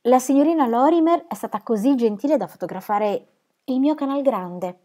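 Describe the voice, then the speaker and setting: A woman reading aloud, voicing a man, a painter, who speaks politely and briskly. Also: on the high side, lively intonation, warm tone, pitched above the performer's own voice. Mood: offhand. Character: male painter, brisk and courteous host.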